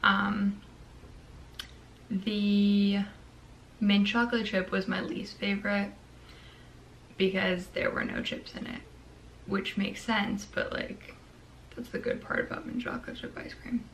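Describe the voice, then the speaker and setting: In a small indoor bedroom, a chatty young adult woman eats ice cream while talking to the camera for her vlog. Her crackly, creaky mid-range voice is fairly bright in tone; she delivers things flatly, takes it slowly, and leaves long pauses.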